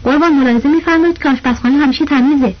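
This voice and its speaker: A frightened restaurant owner begs and flatters in a high, anxious tone, voiced by a woman. The audio is dull and lo-fi. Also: lightly acted. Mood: pleading. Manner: pleading, obsequious.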